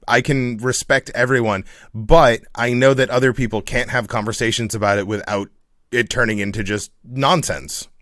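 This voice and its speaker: A man's voice: mid-range voice, a bit bright, dry recording, studio quality. Rambling profane man in his thirties. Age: 30s. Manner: rambling, profane, many restarts. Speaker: podcast co-host. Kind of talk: casual chat.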